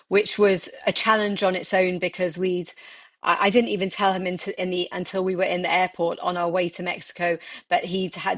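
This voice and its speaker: Woman recalling memories, hesitant. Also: fairly low pitch. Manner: reflective, with many hesitations. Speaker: former aide, podcast guest. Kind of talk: recounting memories in a podcast conversation.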